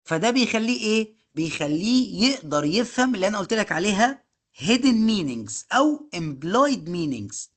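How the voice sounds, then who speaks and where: A man's voice: high-pitched, sing-song, moderate pace. A man with an Egyptian Arabic accent teaching a live online course, explaining through rhetorical questions, checking "okay?" often, and mixing English technical terms into his speech. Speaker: course instructor.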